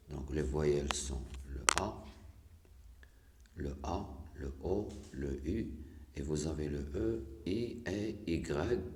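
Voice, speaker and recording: A man with a Moroccan accent gives a primary school spelling lesson. His voice is very low, and he speaks slowly, repeating each example word. The sound is echoey, as if recorded in a bare room. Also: dark tone. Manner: explains slowly, repeats words, switches between French and Moroccan Arabic.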